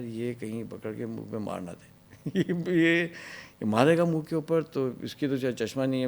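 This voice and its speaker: Brief: male interview guest, mid-pitched voice, lively storyteller who voices an angry interrogator loud and his own replies hushed. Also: gravelly. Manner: drops to a hushed, low voice when quoting himself.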